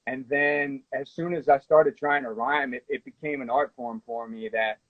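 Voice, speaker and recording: A man in his late thirties from the United States, a musician talking through his life story in a relaxed, rambling way, on a phone during a live video call. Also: mid-range voice, normal speed, no echo. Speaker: guest musician. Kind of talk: casual interview chat. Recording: tinny phone-line audio, dry.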